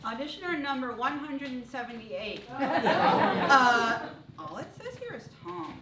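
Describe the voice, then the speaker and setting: A woman plays a casting assistant who announces each auditioner plainly. Her voice is high and slow, heard from across an echoey theater full of audience noise. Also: big pitch swings, a loud crowd. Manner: announcing, matter-of-fact. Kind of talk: live stage sketch comedy. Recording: distant stage mic, echoey hall, loud audience.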